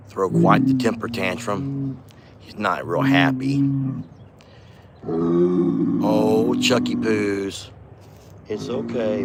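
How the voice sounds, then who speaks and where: A hoarse, middle-aged channel host rambles folksily in a fairly low voice while filming his farm on a handheld phone. Standing by the bull pen, he chats casually and speaks softly to his bull, with a faint hiss of noise underneath.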